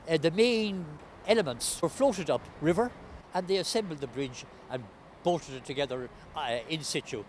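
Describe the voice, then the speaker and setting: Higher-pitched man giving facts. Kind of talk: factual interview explanation. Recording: faint outdoor traffic noise.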